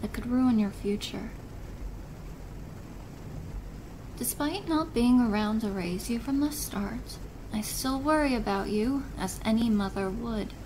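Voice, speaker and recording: A woman playing a possessive, doting and controlling stepmother in an ASMR role-play drama, chiding in a deliberate, motherly way. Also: a little high, lightly acted. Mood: chiding, worried. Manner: slow, deliberate, softly chiding, maternal. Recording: noisy rain ambience behind voice. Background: rain.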